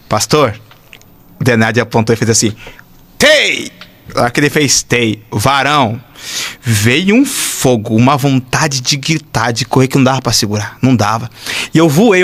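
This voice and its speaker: A Brazilian man, a pastor, telling a testimony in an excitable, animated way, with shouts and sound effects. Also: fairly high pitch. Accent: Brazilian Portuguese. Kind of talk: animated testimony in casual chat.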